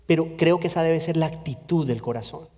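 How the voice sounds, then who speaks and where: A man's voice: fairly high pitch, completely flat delivery, brisk, dark tone. A man preaching a sermon earnestly in a church, repeating phrases for emphasis. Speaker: pastor. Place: church sanctuary. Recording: long church reverb.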